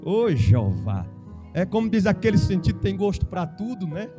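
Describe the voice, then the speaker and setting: Impassioned male preacher, high and lively. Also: moderate pace, music in the background. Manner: impassioned, swings from soft mocking impressions to shouting. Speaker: bishop preaching. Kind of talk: sermon.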